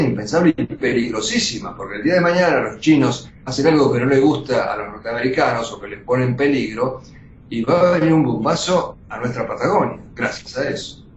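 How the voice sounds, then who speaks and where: An older man with an Argentine Spanish accent, a journalist answering interview questions emphatically, with measured pauses and restarts. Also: expressive. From born in Austria to Russian parents. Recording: roomy, dull lo-fi audio with faint rumble.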